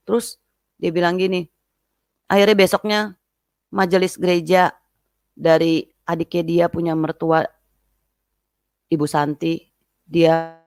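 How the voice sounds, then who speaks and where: A woman telling a personal testimony as a guest, lively and acting out the voices of people she quotes. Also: dry recording, studio quality. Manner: lively, acts out quoted voices in a high pitch.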